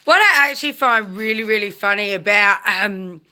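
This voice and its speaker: Bright-voiced Australian woman ranting live. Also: medium pitch, moderate pace. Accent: South Australian. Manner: animated, rambling, self-correcting, greets viewers mid-sentence. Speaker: live-stream host. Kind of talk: chatty live-stream rant.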